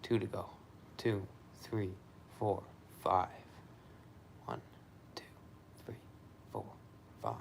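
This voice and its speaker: A man casually talking through an exercise demonstration and counting out repetitions in a low-key, often murmured way. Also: big pitch swings, takes it slowly, gravelly, a little hiss or hum. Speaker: vlogger recovering from surgery, demonstrating exercises.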